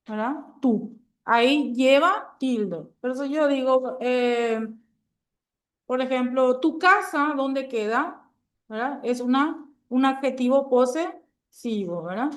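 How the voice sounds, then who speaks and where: A woman teaching a grammar lesson to a class, patient and checking understanding often. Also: a little high.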